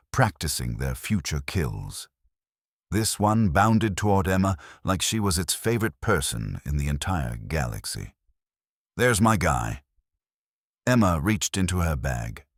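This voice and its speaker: A man narrating a sci-fi story in a measured, dramatic storytelling manner. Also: very deep voice, no echo, studio quality.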